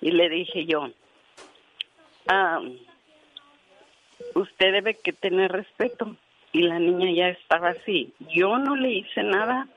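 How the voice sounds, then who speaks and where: A woman's voice: fairly low pitch, slow pace, pauses often, muffled recording. A woman who once worked as a hospital nurse is a guest on a radio talk show. She tells her story earnestly and vividly, voicing the people in it as she goes. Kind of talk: casual radio chat, telling a story.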